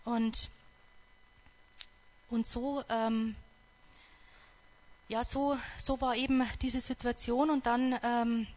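A woman with a fairly high voice retells a story as part of a devotional talk. She is earnest and reflective, breaking off mid-sentence and starting again as she works through her thoughts. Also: flat delivery, takes it slowly, long pauses, a little mellow. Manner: earnest, reflective, stops and restarts often.

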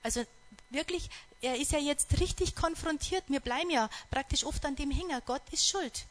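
A woman with a fairly high voice retells a story as part of a devotional talk. She is earnest and reflective, breaking off mid-sentence and starting again as she works through her thoughts. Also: normal speed. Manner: earnest, reflective, stops and restarts often.

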